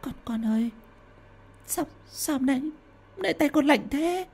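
A man's voice: very high voice, lively intonation, slow, creaky, darkish tone, voice pushed up, heavily acted. A man voicing a terrified old woman who stammers and pleads, close to crying. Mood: frightened.

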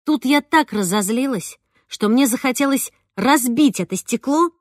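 Female audiobook narrator, slightly high voice, dry close sound, first-person novel. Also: expressive, normal speed, dry recording.

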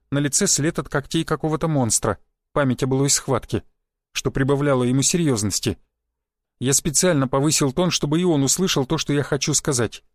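A man narrating a first-person adventure audiobook in a wry, even storytelling manner. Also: medium pitch, dry recording, clean studio sound.

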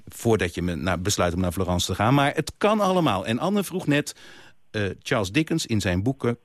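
A man's voice: on the low side, sing-song, moderate pace, no echo, clean studio sound. A man hosting a radio call-in show, chatting and reading out listener questions. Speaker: radio host. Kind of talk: casual radio chat.

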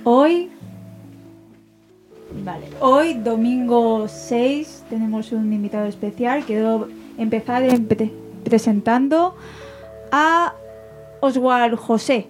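Mujer presentadora de pódcast, voz algo aguda. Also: female voice, fairly high pitch, slow, long pauses, soft background music. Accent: Spanish from Alicante. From Spain. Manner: chatty, asks questions with frequent restarts. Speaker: podcast host. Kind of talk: casual podcast interview.

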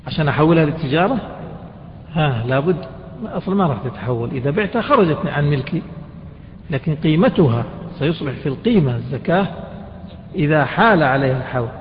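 Speaking fast in an expressive, rather high voice, this man explains a text to his jurisprudence students. He keeps firing questions at the class and dropping casual remarks, all captured in a dull, echoing lecture hall.

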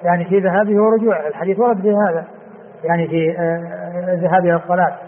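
A man teaches hadith in a high voice, talking quickly, repeating key phrases and pausing on fillers. The recording is thin and phone-like. A faint hiss runs underneath. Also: fairly even intonation. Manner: explains slowly, repeats phrases, many fillers. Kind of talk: classical Arabic lesson commentary.

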